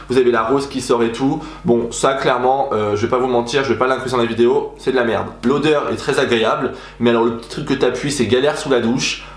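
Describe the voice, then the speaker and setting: A young man chatting animatedly as a beauty vlogger, gushing about his favorite products in a casual review. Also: medium pitch. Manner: animated, chatty, exaggerated enthusiasm. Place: room at home. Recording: echoey room with faint music.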